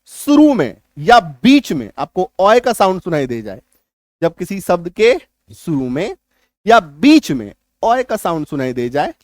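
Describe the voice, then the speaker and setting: A high-pitched man teaches a spelling lesson in a patient, repetitive way, asking again and again whether the point is clear. The recording is dry and close, with no room sound. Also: no echo. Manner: repetitive, checks understanding often. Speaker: English teacher. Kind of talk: spoken classroom lesson.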